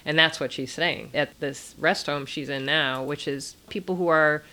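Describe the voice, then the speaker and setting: A woman's voice: deep voice, steady tone, moderate pace, sharp tone. A woman hosting a conversation, chatty and enthusiastic, often affirming her guest. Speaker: host. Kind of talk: casual interview chat.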